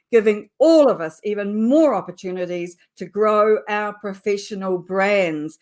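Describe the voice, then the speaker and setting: Kicking off a live business show online, this middle-aged New Zealand woman delivers a prepared intro that is deliberate yet forceful. Her voice sits at a medium pitch.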